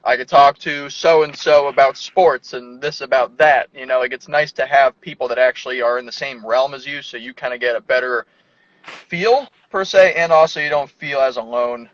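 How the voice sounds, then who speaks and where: Here a man of medium pitch speaks at a normal speed as a loose, chatty guest, using "like" constantly. He's in a parked car, captured with a dry, dull lo-fi sound.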